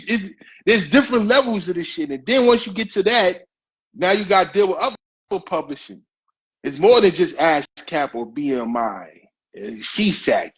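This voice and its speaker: Over dull, lo-fi stream audio, a male podcast host chats casually while handing out advice. His voice is a little high and a bit bright with a breathy edge, and he stresses his points by repeating them.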